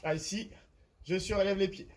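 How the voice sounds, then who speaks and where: High-voiced man coaching a home workout. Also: normal speed, poor audio. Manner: demonstrating exercises while explaining, with frequent "d'accord?" checks. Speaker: fitness coach. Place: outdoor terrace at home.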